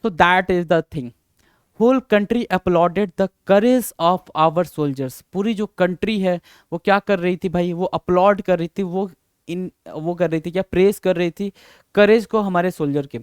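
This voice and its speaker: Guy teaching grammar, kinda high voice, clear and dry, repeats stuff a lot. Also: slow pace, no room sound. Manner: mixes Hindi and English, calls students "beta" and "sir", repeats himself. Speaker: English teacher. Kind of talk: Hindi-English grammar lesson.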